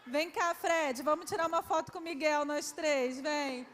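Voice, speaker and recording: A Brazilian woman, a historian, running an affectionate quiz for schoolchildren in a large hall and coaxing them with endearments. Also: sits high. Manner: affectionate, coaxing, calls children "my love". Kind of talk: lively quiz with children at a public event. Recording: reverberant hall, faint background noise.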